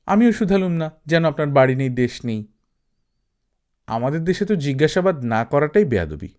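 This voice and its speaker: A man reading aloud, voicing a playful, quick-witted young Afghan woman who teases with questions. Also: a little high, very animated, a little mellow. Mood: teasing.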